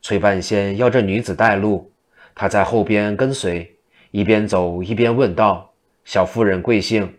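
Low-voiced male storyteller. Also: measured pace. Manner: steady, vivid storytelling. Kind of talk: storybook narration.

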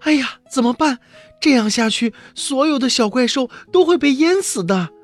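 A man's voice: extremely high pitch, sing-song, moderate pace, faint music behind, voice pushed up. A man voicing a flustered monster schoolteacher in a storybook, coaxing and pleading.

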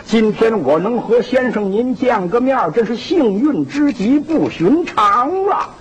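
A man with a Shandong accent voicing a kind, weary middle-aged male prisoner who speaks low and hushed, on a hissy old recording. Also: very animated, unhurried, breathy edge, highs cut off, full character voice. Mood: earnest.

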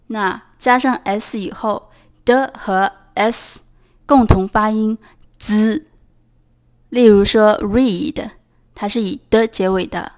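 A woman teaching a beginners' English lesson, explaining clearly and spelling words out letter by letter. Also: mid-range voice. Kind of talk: scripted lesson narration.

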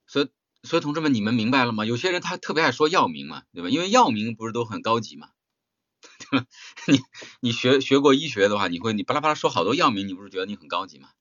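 A man's voice: medium pitch, big pitch swings, fast, fairly bright tone, no room sound, dull audio. A man teaching audiobook performance in a workshop, talking bluntly and emphatically, firing rhetorical questions at his students. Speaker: voice-acting teacher. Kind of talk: spoken workshop lecture.

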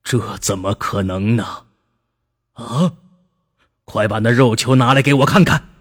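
A male storyteller voicing a stern, quick-tempered middle-aged commander who barks short exclamations in a children's story. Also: medium pitch, slightly rough, big-room sound. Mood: stern, agitated. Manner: barking, exclamatory.

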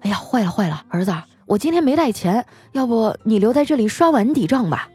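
A woman's voice: on the high side, animated, brisk, dark tone, husky, dry recording, faint music behind. A woman voicing a henpecked husband who jokes in a dry, resigned way. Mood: dismissive.

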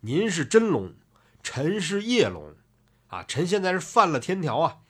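A man's voice: fairly high pitch, very animated, normal speed, breathy edge, pitched above the performer's own voice. A man playing a blustering dragon king. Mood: pleading. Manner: threatening, then begging with stammers. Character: blustering male dragon king turned pleading.

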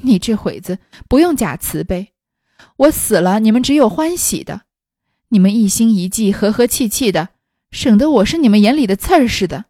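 Xifeng, a woman voicing a bitter sharp-tongued noblewoman. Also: medium pitch, lively intonation, normal speed, no echo, clean studio sound, natural voice. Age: 20s. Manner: scornful, cutting, weary.

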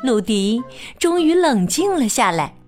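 A woman reading a children's picture book aloud in a slow, expressive, sing-song way. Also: on the high side, soft background music. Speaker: storyteller.

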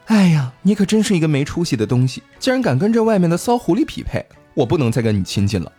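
A man's voice: fairly high pitch, big pitch swings, fast, mellow, breathy edge, soft background music, pitched above the performer's own voice. A man voicing an indignant young fox woman who scolds her lover in a folk tale retelling. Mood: angry. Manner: scolding, huffy.

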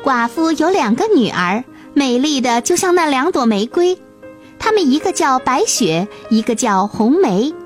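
Woman, high voice, children's storyteller, scripted fairy-tale narration, faint background music. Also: very animated, measured pace.

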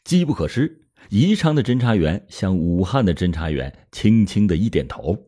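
A man narrates a true-crime case in a dramatic, emphatic way. His voice is low and dark, and his pitch rises and falls in wide swings. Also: very animated, moderate pace, slightly rough. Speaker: storyteller and host.

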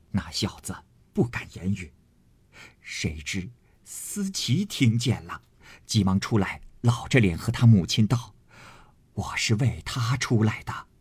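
A man narrating a classic novel in an expressive storytelling voice, swinging his pitch for drama. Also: slightly rough, dry recording.

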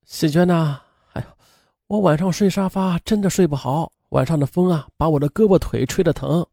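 A man voicing a weary, aggrieved female nanny who complains in a soft, pleading way. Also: a little high, normal speed, creaky, dry recording, clean studio sound, pitched above the performer's own voice.

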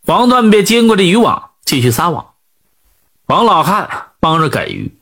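A man telling a folk tale in an animated, conversational storytelling manner. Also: sits high, moderate pace, husky.

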